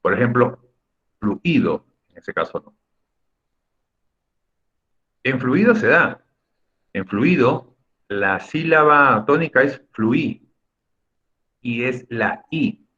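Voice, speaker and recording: A man's voice: medium pitch, big pitch swings, slow, long pauses, bright, forceful tone, lo-fi sound. A man teaching an online class, explaining patiently, repeating key points and checking in with his students. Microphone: video call.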